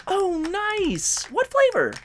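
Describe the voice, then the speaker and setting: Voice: mid-range voice, very animated, normal speed, slight background noise. An actor playing an oblivious, eccentric scientist in their thirties, earnest and theatrical in comic dialogue. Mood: bright, eager. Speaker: actor in a comedy sketch.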